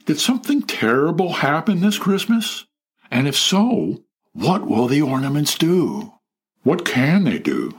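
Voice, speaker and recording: A man narrating a storybook audio drama, posing cliffhanger questions with suspense and dramatic pauses. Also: on the high side, very animated, husky, soft background music, full character voice. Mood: suspenseful.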